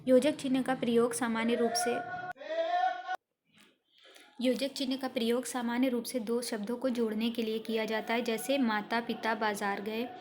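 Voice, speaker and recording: Hindi school teacher, woman, higher voice. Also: level tone, moderate pace, background noise. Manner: addresses children, reads examples aloud. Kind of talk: classroom lesson explanation.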